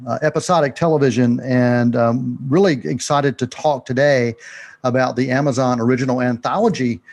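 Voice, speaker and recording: A middle-aged man hosting a video call interview, asking long measured questions from a home office studio mic. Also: medium pitch, darkish tone. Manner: measured questions with many uh fillers. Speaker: interview host.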